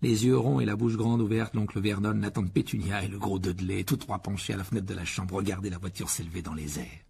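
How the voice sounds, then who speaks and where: A man narrating an audiobook in an expressive reading style. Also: deep voice, fairly quick, creaky, hardly any pauses, slight background noise. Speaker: audiobook reader.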